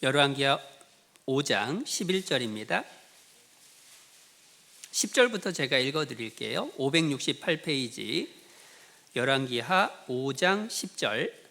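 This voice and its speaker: A man preaching a sermon as pastor, telling a story with acted quotes and lively bursts of emphasis. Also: medium pitch, a little slow, vocal fry, pauses often.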